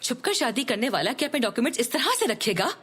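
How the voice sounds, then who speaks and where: A woman's voice: fairly high pitch, very animated, fast, fairly bright tone, breathy edge, heavily acted. A woman dubbing a scheming, housebound older sister who bosses her sibling in an insistent, persuasive way. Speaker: elder sister. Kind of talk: dubbed TV drama.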